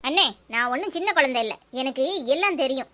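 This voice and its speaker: A woman's voice: high voice, lively intonation, fast, bright, forceful tone. Woman voicing a defiant young cartoon wife. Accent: Tirunelveli Tamil. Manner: curt, defiant. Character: stubborn young married woman, curt and sulky.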